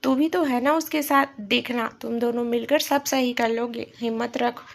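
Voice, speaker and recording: A woman's voice: a little high, steady tone, moderate pace, creaky. A woman reading a joking young man who reassures his friend in a bantering tone. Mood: reassuring.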